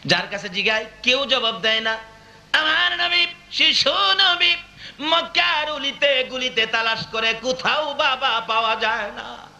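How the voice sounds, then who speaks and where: A male preacher delivers a waz sermon in a very high, sharply bright voice. His lines swell into melodic, chanted cries full of passion. The recording is echoey. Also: unhurried. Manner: impassioned, rising into sung cries. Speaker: Islamic preacher. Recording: echoey live sermon audio.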